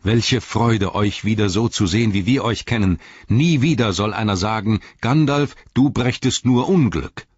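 A man's voice: low voice, measured pace, vocal fry, breathy edge, dry recording, full character voice. A man voicing a stern, wise old wizard who urges a king to take up his sword. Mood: joyful. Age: older. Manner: stern, urging. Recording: dull, lo-fi audiobook recording.

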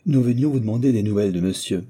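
A man's voice: on the low side, quick pace, warm tone, husky. A man doing a dry, ironic police agent. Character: wry, commanding male police agent.

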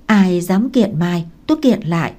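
A woman's voice: lowish voice, lively intonation, measured pace, mellow. A woman reading the lines of a composed young male scholar in a storybook, patient and firm as he tutors. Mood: reassuring.

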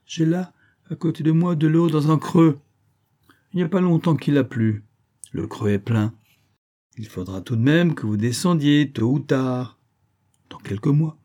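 Smug, teasing tomcat, higher than the reader's own voice, man reading a storybook. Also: animated, unhurried, pauses often, dark tone. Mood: mocking. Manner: mock-pious, smug and teasing. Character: sly wary male cat, cunning and mocking.

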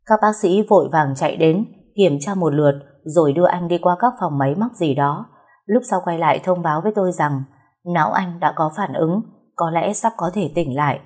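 A woman narrates a first-person tale at an unhurried, soft-spoken pace. Her voice is husky and mellow, pitched slightly low. It sounds intimate and close. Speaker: storyteller.

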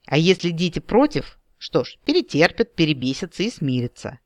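Guy reading fantasy audiobook, kinda high voice, dead dry sound. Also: very animated, normal speed, dry recording. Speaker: audiobook reader. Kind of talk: first-person fantasy audiobook narration. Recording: dry home-studio reading.

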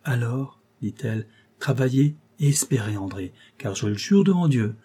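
A man voicing a resolute young noblewoman in a storybook reading, quiet and earnest as she vows devotion. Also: medium pitch, lively intonation, moderate pace, slightly rough.

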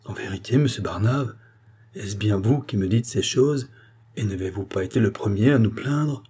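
A haughty, incredulous queen, as a male reader puts her on answers with doubt and wounded pride. The reader keeps his own warm, husky tone and barely raises it. Classic novel audiobook narration. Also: on the low side, normal speed. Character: proud doubting queen, woman, middle-aged.

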